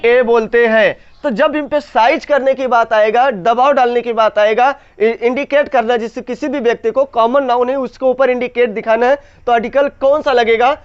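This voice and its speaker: A male teacher leading a grammar class. He repeats each point as a question to the students and slowly stretches the key words to stress them. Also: extremely high pitch, fairly even intonation, smooth. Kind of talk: classroom lesson with call-and-response. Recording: slightly dull lo-fi sound.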